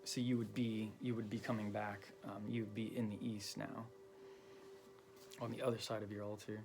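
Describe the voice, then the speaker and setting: A man explaining a ritual step by step in a loose, halting way, with many ums and you-knows. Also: lowish voice, little pitch movement. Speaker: occult teacher. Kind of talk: casual explanatory lesson.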